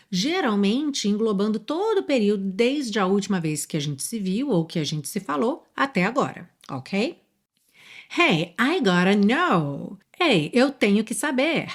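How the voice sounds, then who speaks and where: An English teacher with a Brazilian Portuguese accent explains song lyrics step by step, reading the English lines slowly and clearly. Her voice is mid-range.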